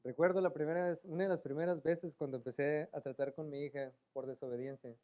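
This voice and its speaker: A man preaching a sermon in a church, acting out pleading voices and rising to loud emphatic peaks. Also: fairly high pitch, fairly even intonation, fast talker, lo-fi sound. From Mexico. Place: church sanctuary.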